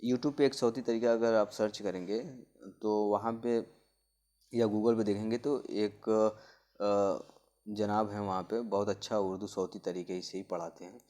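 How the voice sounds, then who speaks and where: A man giving an exam-prep lecture on teaching methods, explaining slowly with many fillers and spelling out letter sounds. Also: fairly low pitch, fairly even intonation, dark tone. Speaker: Urdu pedagogy teacher.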